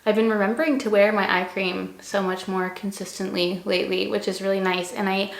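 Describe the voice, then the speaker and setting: A woman's voice: mid-range voice, flat delivery, brisk, gravelly, echoey room, poor audio. A woman talking casually and effusively to her viewers as a vlogger. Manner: effusive, gushing, conversational. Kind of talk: casual chatty skincare vlog.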